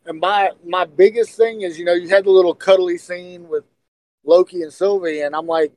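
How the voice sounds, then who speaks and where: A man co-hosting a casual podcast, talking excitedly and speculating, often stumbling and repeating words. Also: high-pitched, moderate pace, rough recording. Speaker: podcast co-host.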